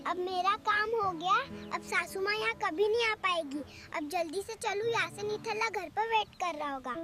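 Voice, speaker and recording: A woman voicing a sharp-tongued, scheming young wife in a cartoon family drama, talking in a brash, quarrelsome way. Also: very high voice, normal speed, music in the background.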